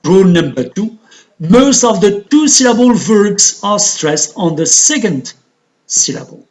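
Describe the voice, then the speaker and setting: Slow, lively-pitched male teacher. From Algeria. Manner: slow and deliberate, stressing key words. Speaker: English teacher. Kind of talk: classroom lesson on word stress.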